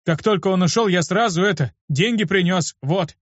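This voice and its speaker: A man's voice: high-pitched, normal speed, dry recording, muffled recording, voice pushed up. A man voicing a cheeky young male street thief who protests and dodges, in an audiobook reading. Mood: indignant.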